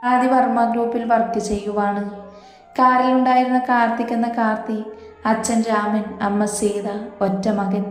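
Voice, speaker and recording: A woman storyteller reading a romance story aloud in a steady, even way. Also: medium pitch. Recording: echoey room with long reverb and music.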